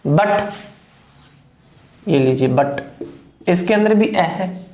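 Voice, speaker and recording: Slow, patient teacher in an echoey room. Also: medium pitch, lively intonation, a little mellow. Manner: asks questions and answers them, checks understanding often. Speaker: English teacher. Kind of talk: classroom lesson on phonetics, mixing Hindi and English.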